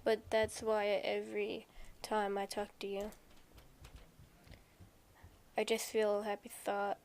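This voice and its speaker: A shy, soft-spoken bookish teenage girl, as a woman reads her lines from a game. She speaks slowly and gently, with a flat, even pitch. She sounds hesitant and unsure of herself. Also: slight background noise. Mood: tender. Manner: hesitant, self-doubting, gentle.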